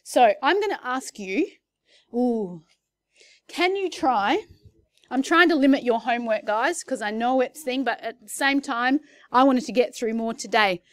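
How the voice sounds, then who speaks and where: Woman, maths teacher, higher voice, chatty, self-correcting, dry room. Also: expressive, a little slow, dry recording. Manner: chatty, self-correcting, asks the class questions. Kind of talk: classroom lesson. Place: classroom.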